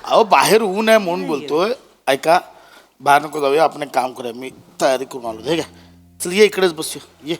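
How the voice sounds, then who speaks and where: A man's voice: fairly high pitch, normal speed, big-room sound. An actor playing a tactless, cheeky neighbour man in a stage comedy sketch. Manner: cheeky, lively, offhand.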